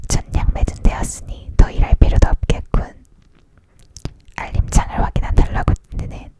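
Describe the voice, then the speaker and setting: A person leaning in to whisper a storybook aloud as a whispered ASMR reading, entirely unvoiced. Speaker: audiobook reader.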